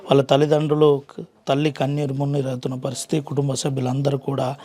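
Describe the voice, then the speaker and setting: A man reporting from the scene of a news story and gently questioning a grieving family. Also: mid-range voice, monotone, fast talker. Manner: urgent, repeats stock phrases, gently probing questions.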